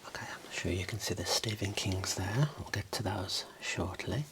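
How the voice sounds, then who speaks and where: Low whispering man, soft ASMR library tour. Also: fairly even intonation, normal speed. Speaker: host showing own book collection.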